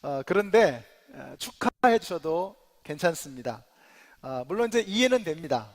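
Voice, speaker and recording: A man's voice: a little high, sing-song, normal speed. A pastor in his forties preaching a sermon in a church, conversational with filler sounds, building into emphatic rising passages. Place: church sanctuary. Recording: long reverb of a church hall.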